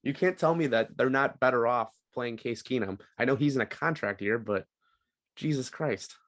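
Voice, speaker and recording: Young male podcast co-host, easygoing, medium pitch, lots of ums. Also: normal speed, a bit bright. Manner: laid-back, frequent ums and laughs. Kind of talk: casual sports chat.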